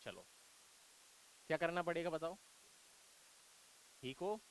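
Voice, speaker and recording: This is an Indian man with a fairly high voice running an exam-prep English grammar lesson. He coaxes and repeats himself, calling students "beta" and answering his own questions. A faint hiss runs under the recording. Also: lively intonation, slow, rough recording. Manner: coaxing and repetitive, calls students "beta", asks rhetorical questions.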